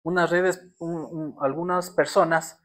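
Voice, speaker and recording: A male university lecturer with a Quito Ecuadorian accent speaks in a voice that sits a bit higher than most men's. He keeps the lecture conversational, constantly checking in with the class through rhetorical questions. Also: fairly even intonation, a little slow. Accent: Quito Ecuadorian Spanish.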